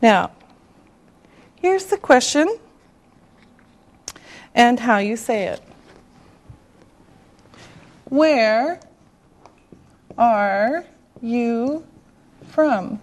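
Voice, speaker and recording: A woman's voice: on the high side, animated, drawn-out words, pauses often. A woman teaching a beginner language lesson, speaking with careful enunciation and repetitive drilling. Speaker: English teacher.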